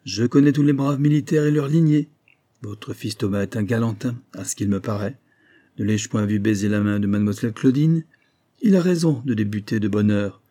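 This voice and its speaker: A man's voice: lowish voice, fairly quick, mellow, lightly acted. A man reading an audiobook, voicing a playful, commanding young prince who teases a courtier. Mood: teasing. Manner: teasing, commanding.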